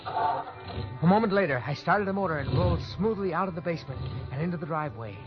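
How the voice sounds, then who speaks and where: With a fairly high, expressive voice and a quick pace, an actor portrays a panicked young man who tensely narrates his desperate cover-up in old-time radio suspense fashion, stammering when pressed. The performance is lightly acted, and the dull old recording carries loud music.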